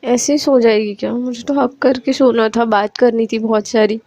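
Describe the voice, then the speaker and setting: A woman's voice: on the high side, steady tone, normal speed, a little mellow, dry recording, highs cut off. Woman voicing a teasing young woman in love. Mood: teasing, coaxing. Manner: teasing, coaxing, fake-whimpering.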